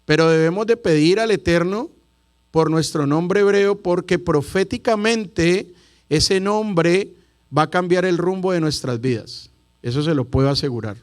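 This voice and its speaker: A middle-aged man gives a sermon to his congregation in a fairly high voice for a man. He tells stories and sometimes sings out the words like a cantor. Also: unhurried. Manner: storytelling preacher who sings out key words. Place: congregation hall.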